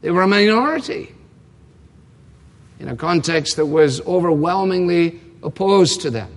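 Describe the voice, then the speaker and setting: A man's voice: high-pitched, lively intonation, normal speed. A man preaching an expository sermon, emphatic, repeating key lines and asking rhetorical questions. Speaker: pastor. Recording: long reverb from a large hall.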